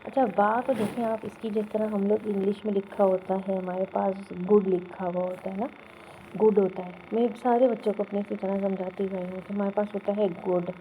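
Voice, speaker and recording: A woman with a dark, level, medium-pitched voice is heard on a rough recording with slight background noise. She leads a beginner Quran reading lesson with patience, getting learners to repeat and regularly checking "theek hai?".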